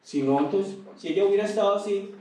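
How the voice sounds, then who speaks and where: A man preaching a sermon with passion, at times raising his voice almost to a shout. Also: sits high, fast, slight background noise. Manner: impassioned preaching, rising to near shouts at times. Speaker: pastor. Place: large echoey auditorium. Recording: echoey hall, mic at a distance.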